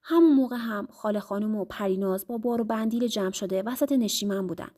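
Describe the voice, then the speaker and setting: A woman narrating a first-person story in an intimate, lively storytelling manner. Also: medium pitch.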